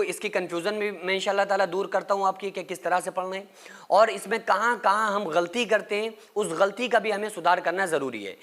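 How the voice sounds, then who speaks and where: A man giving a religious lesson. He explains how to recite a prayer and repeats each Arabic phrase slowly and deliberately to correct pronunciation. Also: sits high, bright, forceful tone. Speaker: Islamic scholar teaching prayer recitation.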